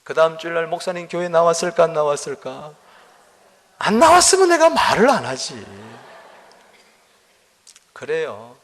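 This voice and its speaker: A man's voice: fairly high pitch, normal speed, pauses often, long reverb tail. A male pastor preaching a sermon in a church sanctuary, telling stories vividly and acting out the voices in them. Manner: animated storytelling, acting out quotes.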